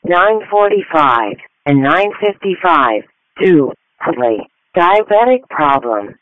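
A male emergency dispatch announcer delivers formulaic call-outs in measured fragments. The voice is high and very unhurried, on a dry, band-limited radio paging channel. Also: very animated, no room sound. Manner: measured, separated short phrases. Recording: dry, narrow radio transmission.

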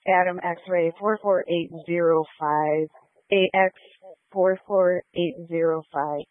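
A male police officer calls in over a two-way radio in a procedural, precise manner. His pitch is a bit high. The audio is very narrow and dry. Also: steady tone, takes it slowly, no room sound. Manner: procedural, spells out letters and numbers. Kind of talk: police radio call-ins.

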